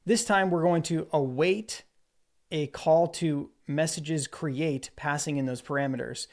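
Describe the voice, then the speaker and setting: Guy walking through code on screen, relaxed, explains as he types. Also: a little high, a little slow. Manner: relaxed explanatory, narrates while typing. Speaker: developer presenter. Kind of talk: screen-recorded coding walkthrough.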